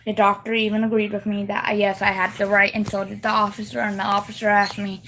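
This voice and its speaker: A woman's voice: mid-range voice, little pitch movement, fast, a bit bright, rough recording. A woman venting on camera in a heated, repetitive rant, swearing and leaning hard on stressed words. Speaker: vlogger. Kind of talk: casual direct-to-camera rant.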